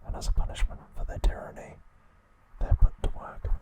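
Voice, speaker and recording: Soft and soothing, a man's breathy whisper carries his unhurried narration as he hosts ASMR.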